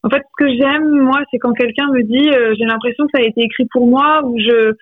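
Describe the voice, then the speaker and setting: A woman's voice: on the high side, fairly even intonation, fairly quick, dry recording. A woman author, heard over a landline phone line, talking reflectively about her poetry in a radio interview. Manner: reflective, searching for words. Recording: tinny, dry phone line.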